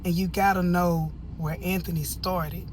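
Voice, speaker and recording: An American woman giving casual, opinionated video commentary in an animated, emphatic way, drifting into rambling asides. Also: lowish voice, measured pace, a little hiss or hum. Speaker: online reviewer and host.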